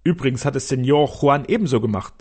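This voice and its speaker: A man's voice: mid-range voice, animated, quick pace, darkish tone, husky. A man reading aloud, voicing a timid coachman who makes lame excuses. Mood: sheepish. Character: cowardly coachman, meek and sheepish.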